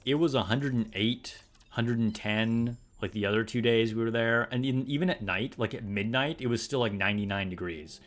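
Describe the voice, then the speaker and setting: With faint music in the background, a man streams a game and talks to his audience at a regular pace with a medium pitch, barely pausing. The conversation is loose and laid-back, wandering along with lots of fillers.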